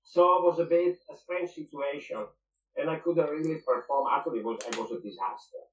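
Former goalkeeper reminiscing, distant roomy sound. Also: male voice, fairly high pitch, a little fast, highs cut off, slight background noise. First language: not English. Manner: emphatic, repeats phrases for emphasis. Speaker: former football goalkeeper, guest. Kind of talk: reminiscing interview.

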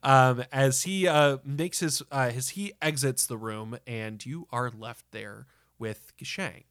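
A man narrating as game master of a tabletop role-playing game, relaxed and loose, with many fillers. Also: medium pitch, slow, clear, resonant tone, no room sound, studio quality.

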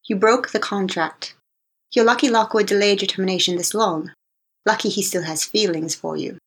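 A woman's voice: medium pitch, steady tone, moderate pace. A woman voicing a precise English nurse. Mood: stern. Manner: crisp, precise diction. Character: young woman nurse, composed, guarded.

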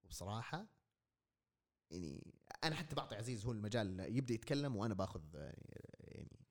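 A man, chatting briskly as a podcast co-host. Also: fairly low pitch, very animated. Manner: brisk, quick interjections. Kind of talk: casual podcast chat.

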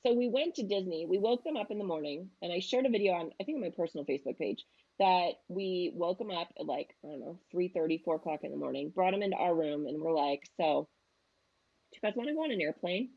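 A woman's voice: fairly low pitch, expressive, fast, gravelly, lo-fi sound. A woman in her thirties, a travel agent guest, chatting casually and acting out quotes as she tells stories. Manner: chatty storyteller who acts out quotes. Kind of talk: casual chat.

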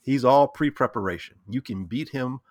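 A man's voice: medium pitch, normal speed, no room sound, clean studio sound. A man in casual sports chat, talking animatedly, repeating words and acting out what he said and thought. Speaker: sports talk co-host.

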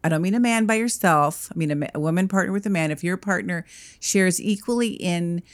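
A woman's voice: lowish voice, brisk. A woman co-hosting a podcast in casual chat, frank and plain-spoken. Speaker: podcast co-host.

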